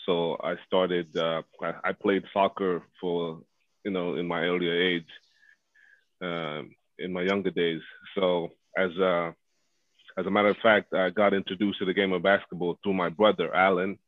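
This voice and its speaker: A man with a very low, monotone voice tells his answers in a loose, meandering way full of "uh" and "you know." The sound is thin and phone-like, and the room around him is completely dry. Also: normal speed, no echo. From Zambia. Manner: rambling, many fillers. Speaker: guest, former pro basketball player. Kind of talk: casual interview answers. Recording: phone-like call audio.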